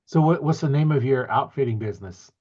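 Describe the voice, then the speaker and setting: A man's voice: medium pitch, expressive, fairly quick, darkish tone, breathy edge, highs cut off. A man hosting a podcast interview over a video call, talking in a folksy, rambling way with fillers. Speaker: podcast host.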